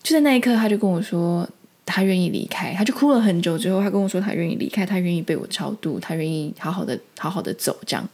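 A woman's voice: on the low side, expressive, fast talker, a little mellow. A woman telling a personal spiritual story in a casual, rambling monologue full of restarts. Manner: rambling, with many restarts and fillers. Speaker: spiritual vlogger.

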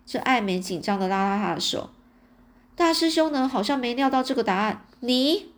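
Brief: woman reader, slightly high voice, relaxed chatty storytelling. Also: brisk. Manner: chatty, adds fillers like 啊 and 哦. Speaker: audiobook reader. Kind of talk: casual storybook reading.

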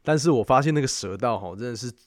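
A man's voice: medium pitch, animated, fast. A man with a Taiwanese Mandarin accent telling travel stories in a casual, conversational chat. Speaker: podcast host.

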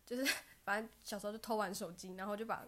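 A young woman, a podcast guest telling funny stories of her bad luck in a casual, animated chat. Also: mid-range voice, fast talker. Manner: animated storytelling, bursts of laughter and loud self-cheers.

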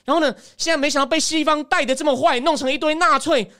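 A woman giving emphatic, animated political commentary as a podcast host. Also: sits high, fast talker. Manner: animated, emphatic, acts out quotes.

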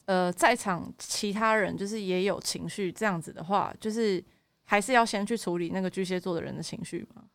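A woman co-hosting a casual chat. Her voice is smooth and clear, recorded dry and close. She asks curious follow-up questions. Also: mid-range voice, brisk, no room sound. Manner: curious, asks follow-up questions, many short agreeing sounds.

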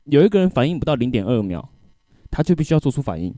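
Brief: male podcast co-host, fast and lively, dark tone, swears a lot, dry close sound. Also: mid-range voice, no room sound. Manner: animated venting, swears often, keeps asking if you get it. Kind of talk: casual chat.

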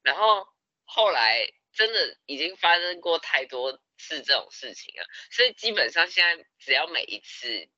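A young man, telling stories in a casual podcast chat, animated and laughing often. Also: a little high, moderate pace, no room sound, highs cut off. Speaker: podcast co-host.

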